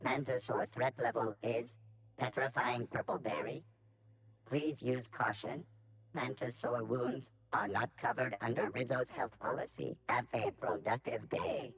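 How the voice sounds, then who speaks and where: An actor voicing an officious security robot in a video game, formal, bureaucratic and deadpan, with flat menace. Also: medium pitch, unhurried, husky. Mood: formally polite. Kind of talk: scripted video game dialogue.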